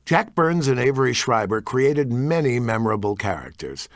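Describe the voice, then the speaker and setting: Older man, scripted narration, measured, mid pitch, dry studio. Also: lively intonation, dry recording.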